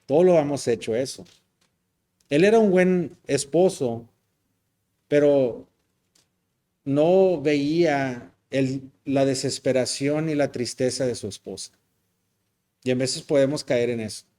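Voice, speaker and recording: A man preaching. His voice sits at an ordinary middle pitch. He keeps it chatty and joking, tossing in tag questions and the odd English word. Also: slow, long pauses, warm tone. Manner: conversational and joking, frequent tag questions, mixes in English words. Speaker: pastor. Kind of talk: sermon.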